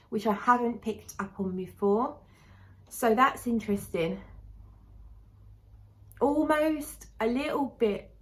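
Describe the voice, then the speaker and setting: A woman with a lisp and whistling s from a brace, giving a casual, rambling review to camera as a perfume reviewer. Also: medium pitch.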